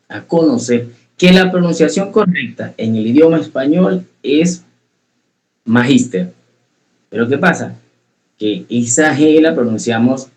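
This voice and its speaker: A man's voice: a little high, darkish tone, poor audio. A man teaching a public speaking class, earnest, repeating key phrases for emphasis and asking students questions directly. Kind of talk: online class lecture.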